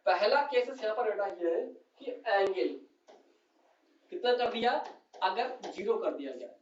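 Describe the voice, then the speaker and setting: Guy teaching physics, kinda high voice, asks then answers himself, echoey muffled far-off mic. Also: expressive, unhurried, slight background noise. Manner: calls students "beta", asks and answers his own questions. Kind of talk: explaining on a whiteboard. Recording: distant, roomy and dull classroom recording.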